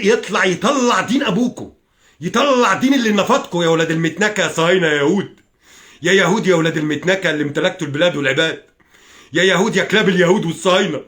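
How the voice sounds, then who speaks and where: A man's voice: high voice, a bit bright. A young Egyptian man ranting on a live stream, furious, cursing and pleading with his viewers. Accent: Egyptian Arabic. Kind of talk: angry political livestream rant.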